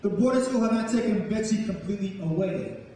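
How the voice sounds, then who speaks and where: This male poet and storyteller performs dramatic poetry and talk for a live crowd, his delivery slow and theatrical. He sits high in pitch with a dark tone, and the distant mic captures the echoey hall and faint background noise.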